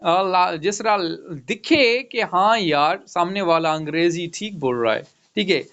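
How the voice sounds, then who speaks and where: A man's voice: high voice, lively intonation, measured pace, a bit bright. A man teaching an online English vocabulary lesson, spelling each word letter by letter and saying "okay" again and again. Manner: spells words letter by letter, repeats "okay" often. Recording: dull lo-fi online class audio.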